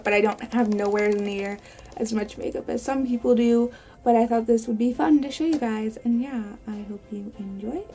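A young woman vlogs casually at home in an unhurried, creaky voice. An overbite appliance in her mouth gives her words a slight lisp. She rambles in an apologetic, informal way. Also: a little high, dark tone. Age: young adult. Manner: slurred, lisping speech from a new overbite appliance in her mouth. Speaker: beauty vlogger. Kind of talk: casual chat to camera. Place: small bedroom at home.

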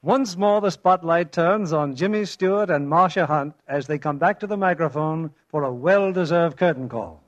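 A man's voice: fairly high pitch, normal speed, hardly any pauses, dull audio. A man from Philadelphia hosting a 1940s radio drama program, genial and polished. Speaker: radio host. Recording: old radio broadcast.

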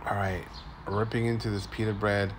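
On the low side and with little pitch movement, his voice moves at normal speed. He's a food vlogger in his forties delivering upbeat tour-guide commentary while filming on his phone at an outdoor street food stall, walk-and-talk style, over a slight hiss or hum.

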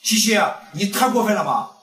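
A woman's voice: medium pitch, lively intonation, normal speed, fairly bright tone, natural voice. An actress playing an indignant female classmate, reproaching a friend for her snobbery. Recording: distant, echoey, noisy.

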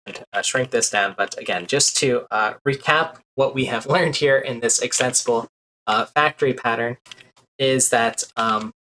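Speaking at a moderate pace in a mid-range, bright and forceful voice, a programming instructor in his thirties walks through code on a screen share. He explains each step from a desk in a small room, saying "uh" often. The audio is rough, with slight hiss or hum.

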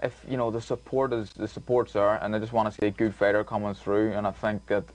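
A man in his twenties with a Belfast accent, a boxer being interviewed on radio, talking in a relaxed, plain way. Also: lowish voice, quick pace, a little hiss or hum, low-quality recording. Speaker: boxer guest.

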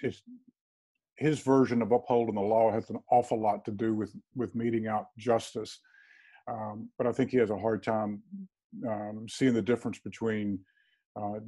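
A man in his fifties speaks over a video call through earbud headphones from a small room at home. His voice sits low and mellow with a slightly husky edge. He talks thoughtfully, pausing often and restarting his sentences. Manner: thoughtful, halting, many ums and restarts. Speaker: crime fiction author, guest. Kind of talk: casual interview conversation. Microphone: earbud headset on a video call.

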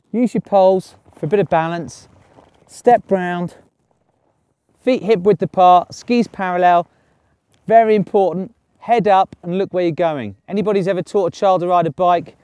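A male instructor in middle age talks to camera out in the open. His voice sits a little high yet has a soft, dark, relaxed tone. He gives practical directions one step at a time in a clear teaching style. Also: no room sound. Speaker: ski instructor presenting a lesson. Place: outdoors on a snowy ski slope.

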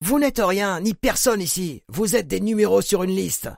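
A man's voice: sits high, lively intonation, moderate pace, gravelly, no echo, studio quality, voice pushed up. A man voicing a brutal, sneering male prison camp guard who barks insults and orders, in an audiobook. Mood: barking cruel. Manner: barking, shouted insults.

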